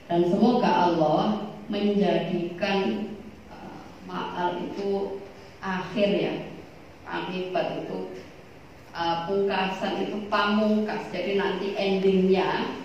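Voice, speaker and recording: A woman's voice: mid-range voice, fairly even intonation, a little mellow, slight background noise. Woman teaching in a very echoey hall. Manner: chatty and teasing, with joking asides; reads Arabic text slowly, then explains it. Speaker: religious teacher. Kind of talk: religious study lecture to women. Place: large echoey hall at a boarding school. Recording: very echoey, distant, muffled.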